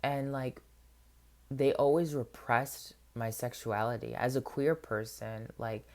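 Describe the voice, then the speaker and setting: A man's voice: mid-range voice, fairly even intonation, takes it slowly. A man who works as a spiritual healer, giving a candid, heartfelt personal testimony and leaning on casual filler words. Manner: candid and open.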